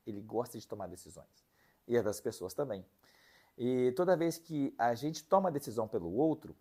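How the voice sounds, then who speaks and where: A man leads an online leadership lesson at a middling pitch. His voice is mellow and a little husky. He breaks the ideas into short steps, checks in with the listener and acts out sample conversations. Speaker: leadership course instructor.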